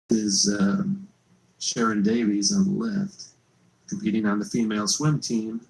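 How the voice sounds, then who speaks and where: A man's voice: on the low side, level tone, slow, vocal fry, a little mellow, poor audio. A man giving dismissive, mocking commentary in a video played during the stream.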